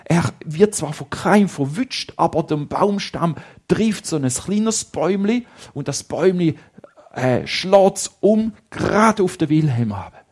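With a husky voice pitched fairly high, a Swiss German-accented man tells children a story in lively fashion, lowering to a hush whenever suspense builds.

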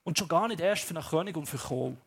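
A man with a Swiss German accent voicing a stubborn vineyard owner who loudly refuses to sell. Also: fairly high pitch, animated, fast, vocal fry, husky, full character voice. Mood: defiant.

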